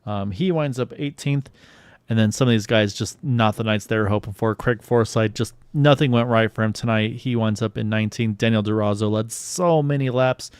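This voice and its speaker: A man's voice: on the low side, normal speed, smooth, no echo. A man giving play-by-play commentary on an online sim race, his voice climbing as the action heats up. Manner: excited, rising with the action.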